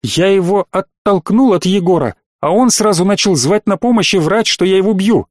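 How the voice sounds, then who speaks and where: A man's voice: sits high, normal speed, a little mellow, no echo, studio quality, pitched above the performer's own voice. Man doing Rick, a heated boy cadet. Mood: pleading. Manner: heated, pleading. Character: agitated boy cadet defending a friend.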